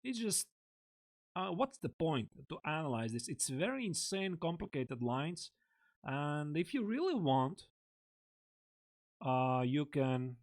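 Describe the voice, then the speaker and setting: A Latvian-born man with a fairly high, very animated voice coaches chess on a live stream, explaining lines, thinking aloud and chatting casually with viewers. He speaks slowly with long pauses into a close desk mic.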